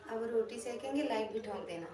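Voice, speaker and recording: A woman's voice: on the high side, brisk. A woman from Uttar Pradesh with an Awadhi accent, hosting a casual live stream and teasing viewers she greets by name. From Uttar Pradesh, India. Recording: roomy, far from the mic, crowd noise.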